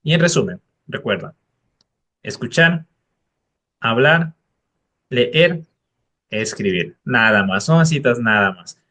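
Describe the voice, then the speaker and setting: A man's voice: mid-range voice, animated, slow pace, pauses often, sharp tone. A man, an English tutor, giving direct and encouraging study advice to the viewer in a casual explainer video.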